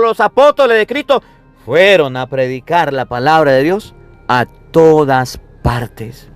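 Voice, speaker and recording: Emphatic high-voiced priest preaching. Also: male voice, fairly bright tone, clean tone, no echo. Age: 30s. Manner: emphatic, repetitive preaching with rhetorical questions. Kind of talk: sermon.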